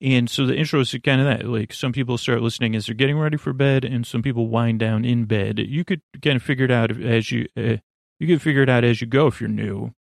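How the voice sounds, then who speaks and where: A man hosting a podcast delivers a rambling bedtime monologue, halting and meandering and often trailing off mid-word. His mid-range voice is creaky, and the studio-quality recording has no room sound.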